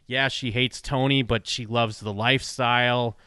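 A man with a smooth, crisp and bright voice, recorded dry and close. He talks loosely and haltingly in casual podcast chat, full of fillers, restarts and the odd curse. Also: medium pitch, steady tone, no echo. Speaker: podcast co-host.

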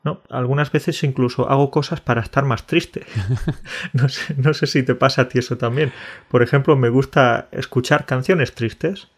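A man's voice: mid-range voice, steady tone. Reflective man co-hosting. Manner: reflective, measured and clearly spoken. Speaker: podcast co-host. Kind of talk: casual podcast chat.

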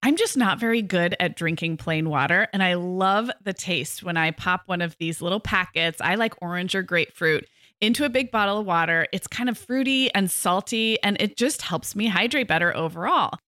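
A woman's voice: on the low side, moderate pace, pushed and bright, dry recording, studio quality. A woman reading a podcast sponsor message in a conversational style. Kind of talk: conversational ad read.

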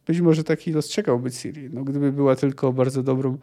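A man's voice: medium pitch, steady tone, fairly quick, dark tone. A man hosting a book discussion podcast, talking casually and thoughtfully with fillers. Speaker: podcast host.

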